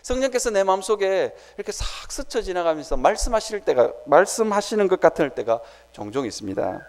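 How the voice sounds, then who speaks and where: A man preaching a sermon in a church sanctuary, telling his story in an animated way and acting out his own prayers. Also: high voice, fairly quick. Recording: reverberant church hall.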